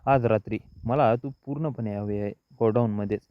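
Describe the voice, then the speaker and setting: A man voicing a middle-aged father-in-law in an audio story, speaking in a low, soothing, insistent way. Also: normal speed, clean tone, no room sound, natural voice. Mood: coaxing. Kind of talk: quoted dialogue in audio story. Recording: dull, lo-fi dry recording.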